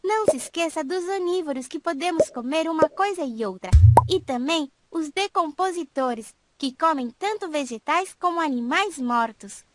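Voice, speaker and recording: Helpful high-voiced little schoolgirl. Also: animated, moderate pace, noisy background. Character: helpful young schoolgirl in educational cartoon. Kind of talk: scripted educational cartoon dialogue.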